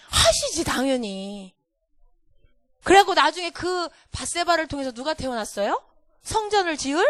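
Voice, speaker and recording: High-voiced woman quizzing children. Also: fairly bright tone, no room sound. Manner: storytelling, constantly quizzing the children. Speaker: children's Sunday school teacher. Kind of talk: children's sermon.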